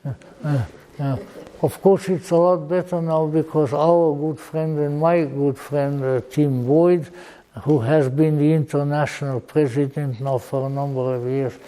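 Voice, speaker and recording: An elderly man speaks with a Hungarian accent in a mellow voice that sits a little high for a man. He reminisces to listeners slowly and deliberately, often halting. His wording is formal and old-fashioned, with a dry sense of humour. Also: fairly even intonation, low-quality recording. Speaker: lecturer. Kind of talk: informal rambling reminiscence to an audience.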